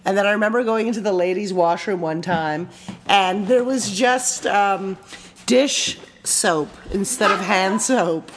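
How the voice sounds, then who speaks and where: A woman from Canada co-hosting a casual podcast, telling lively bar stories with swearing and laughter. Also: mid-range voice, measured pace, slight background noise. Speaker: podcast co-host. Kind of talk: casual chat.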